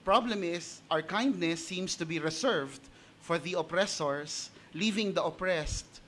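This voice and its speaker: A male pastor with a Filipino accent preaches an animated, emphatic sermon in a notably high, ringing voice, speaking slowly over slight background noise. He switches between Tagalog and English mid-sentence, stresses his points, and throws rhetorical questions at the congregation, punctuating them with "Okay?"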